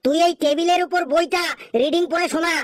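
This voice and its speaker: A sarcastic male schoolteacher who scolds his pupils, voiced by a woman in a comedy cartoon. The voice sits high and is recorded dry, with no room sound. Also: steady tone, brisk, no room sound. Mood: scolding. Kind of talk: cartoon voice acting.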